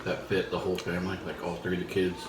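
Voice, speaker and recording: A man's voice: deep voice, completely flat delivery, fast. A man chatting casually in a plain-spoken, folksy way, chiming in as a partner answering questions. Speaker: host's husband, co-answering questions. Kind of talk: casual chat. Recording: roomy echo, clear background noise.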